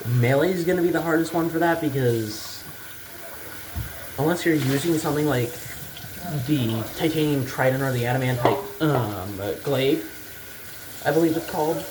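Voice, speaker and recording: A man's voice: a little high, normal speed. A man giving rambling, unscripted game commentary, thinking aloud in a casual, hesitant and bluntly sweary way. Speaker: gaming video maker. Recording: clear background noise like running water.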